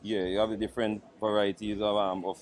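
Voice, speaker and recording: A man from Saint Kitts with a Kittitian accent, giving casual, halting interview answers as a market vendor. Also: lowish voice, little pitch movement. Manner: halting, pausing often. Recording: busy crowd chatter behind. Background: crowd at a public market.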